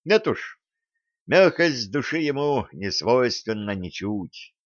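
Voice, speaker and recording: A man's voice: medium pitch, big pitch swings, slow, no room sound. A man voicing a jovial, brash staff captain who banters in old-fashioned courtly speech, on a dry, slightly dull recording. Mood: boisterous.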